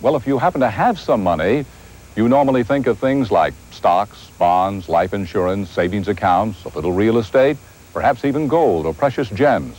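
A man's voice: fairly low pitch, animated, moderate pace, darkish tone, rough recording. A middle-aged American man presenting a scripted infomercial, posing rhetorical questions. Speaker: infomercial host.

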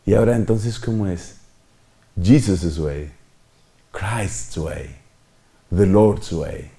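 A man's voice: deep voice, slow, vocal fry. A middle-aged man, preaching a sermon as a priest, asking his listeners questions and acting out quotes. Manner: animated, questions the audience and acts out quotes.

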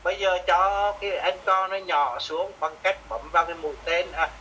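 A man, a music teacher, walking a student through notation software step by step, repeating each instruction patiently. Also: high voice, steady tone, moderate pace, slight background noise, rough recording. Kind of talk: remote software lesson.

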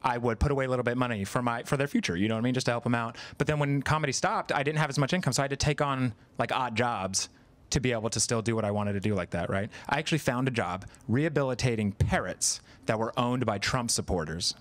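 A man's voice: mid-range voice, fast. A man in his thirties performing stand-up comedy on stage, chatty and self-deprecating, acting out quoted voices. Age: 30s. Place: live comedy venue with audience.

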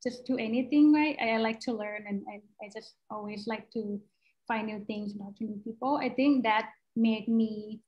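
Young woman from Thailand, higher voice, friendly, thinks aloud with fillers, dull video-call audio. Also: moderate pace. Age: young adult. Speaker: guest speaker, product designer. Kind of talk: casual workshop Q&A on a video call. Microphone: laptop mic on a video call.

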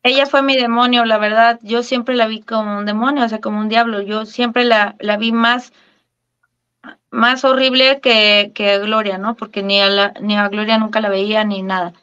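Middle-aged Mexican woman, interview guest, smooth voice, candid and lively, muffled recording. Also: fairly high pitch, moderate pace. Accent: Mexican Spanish. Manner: animated, many restarts and fillers, laughs at her own story.

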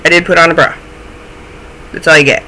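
This is a casual to-camera chat from a young woman's knitting podcast, filmed indoors in a small room at home on a webcam. Her voice is deep, stuffy and snuffly, with fairly even intonation, a brisk pace and a sharp tone, and she makes self-deprecating remarks. A little hiss or hum runs through the rough recording.

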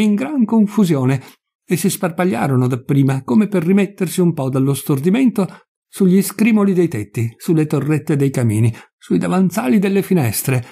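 A man narrating a literary short story in a measured, expressive way. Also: fairly high pitch, creaky, slightly rough. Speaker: audiobook reader.

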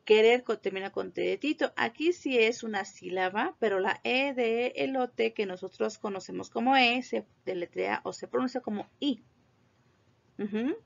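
A woman teaching English pronunciation in a patient, slow way, repeating words for students to echo. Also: fairly high pitch, vocal fry. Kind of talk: classroom video lesson on pronunciation. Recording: muffled lo-fi recording.

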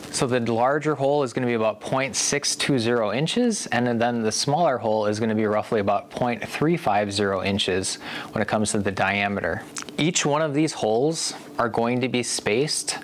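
A man in his thirties from the USA, relaxed and chatty, reviewing home gym equipment to camera and calling his viewers guys. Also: mid-range voice, moderate pace, a little hiss or hum. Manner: relaxed and conversational, keeps addressing viewers as guys. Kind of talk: casual product review to camera.

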